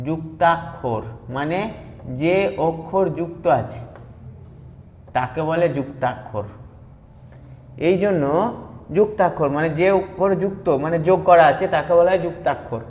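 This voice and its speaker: A man gives a slow, deliberate grammar lesson, breaking words into sounds and going back over each point. His voice sits a little high for a man. The room is echoey, with a long reverb tail. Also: a little mellow. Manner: patient, spells words out sound by sound and repeats. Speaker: teacher.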